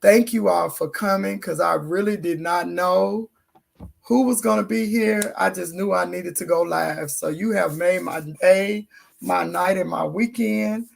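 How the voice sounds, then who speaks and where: Woman, livestream host, hoarse, gravelly fry, casual chat. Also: lowish voice, unhurried. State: hoarse, losing her voice.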